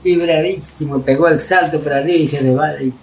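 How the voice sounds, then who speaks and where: A man telling stories from his own life in a lively, casual way, acting out his own shouts. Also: fairly high pitch, fast talker. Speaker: storyteller interviewee. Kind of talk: casual oral-history storytelling. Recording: distant mic with loud noise and dogs barking.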